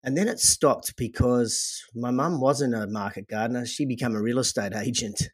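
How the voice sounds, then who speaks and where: A man's voice: mid-range voice, normal speed, husky, no echo. Man, middle-aged, Australian accent, podcast guest, joking and rambling, dry close sound. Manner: joking, relaxed, rambling with fillers and restarts. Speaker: podcast guest, gym owner. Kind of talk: casual interview talk.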